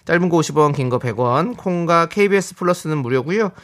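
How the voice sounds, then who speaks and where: A middle-aged man hosting a radio show, reading listener messages aloud in a calm, steady way. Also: fairly high pitch, quick pace. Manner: calm and steady, with short back-channel replies. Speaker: radio host.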